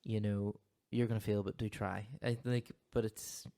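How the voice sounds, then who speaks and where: In a casual podcast conversation, a Northern Irish counsellor and co-host speaks with a lowish, creaky, warm voice, level in tone and moderate in pace. His talk rambles and restarts, broken by easy laughter and a slight cough.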